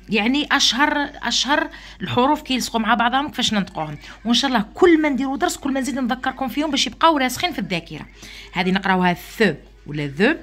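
A woman with an Algerian Arabic accent teaching English letter sounds to young pupils in an online lesson, patient, repeating sounds slowly and often checking that they follow. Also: a little high, fairly bright tone.

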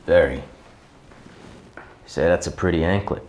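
A man playing a hard-boiled ex-cop detective and narrating a comic noir parody, with deadpan, wisecracking delivery. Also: low-pitched, measured pace, a little hiss or hum.

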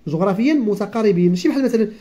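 A teacher with a Moroccan accent explaining a textbook lesson, repeating key words and reading textbook lines slowly. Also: medium pitch, lively intonation, warm tone. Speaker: primary school teacher.

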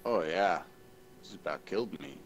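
A man's voice: deep voice, expressive, normal speed, a little hiss or hum. A man playing a video game with a friend, laid-back and teasing, laughing often. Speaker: gamer co-op player. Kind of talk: casual gaming chat.

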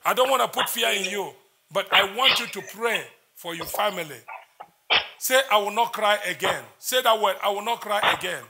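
A man's voice: high-pitched, lively intonation, normal speed, vocal fry, pushed and bright. A man, preaching as a prophet in a church service, intense and repetitive as he declares prayers.

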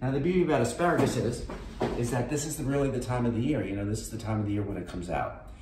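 A man's voice: medium pitch, fast, noisy background. Chatty New man in echoey kitchen. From New York. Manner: chatty, rambling, health-focused asides. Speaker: host. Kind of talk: casual cooking demonstration. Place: home kitchen, indoors.

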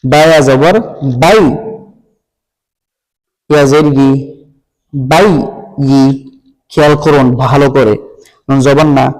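A man teaching Quran reading, patiently spelling out each syllable and blending them in a slow, repetitive drill. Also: a little high, fairly even intonation, a little mellow. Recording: long hall reverb.

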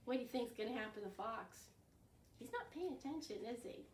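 Indoors in her living room, an older storytime host who works as a children's librarian reads a picture book to young children, animated and questioning, with big gasps and reactions. She speaks a little high and fairly quickly. Recorded by a camera a few feet off, the audio is roomy and distant, with slight background noise.

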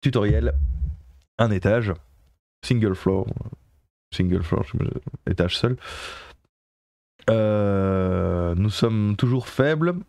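This man has a French accent and a lowish, slightly mellow voice, speaking slowly with frequent pauses. He streams a game live, reading and translating the on-screen text with lots of fillers and self-corrections, chatting with viewers and thanking them. The recording is dry and studio-clean.

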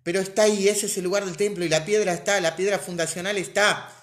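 Guy teaching a religion class, fairly high voice, keeps rephrasing and asking himself questions. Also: steady tone, fast, fairly bright tone. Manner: explanatory, rephrases points, asks rhetorical questions.

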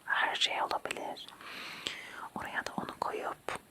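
An ASMR host in a whispered role-play, speaking quietly as if at night, softly reassuring and coaxing a listener to sleep with repeated words. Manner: hushed, quiet night-time bedtime whisper, slow and repetitive.

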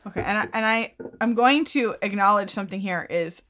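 A woman co-hosts a casual live stream in an easygoing way. She laughs often and reads out viewer comments. Her pitch sits in the middle range. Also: brisk, a bit bright. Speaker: co-host.

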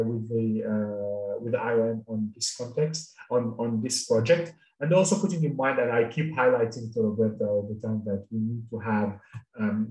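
A man's voice: mid-range voice, darkish tone. A middle-aged man from Syria, a cluster coordinator, giving a webinar talk over a video call with many restarts and fillers. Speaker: panel speaker, cluster coordinator. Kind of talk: webinar presentation. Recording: roomy, distant video call audio.

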